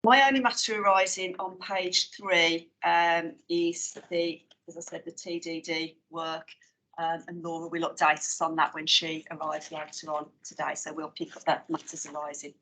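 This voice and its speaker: A woman with a West Midlands English accent chairs a formal committee meeting, working through the agenda in a measured, procedural way with frequent pauses and fillers. Her voice is bright and fairly low for a woman, her delivery is flat, and the recording is rough.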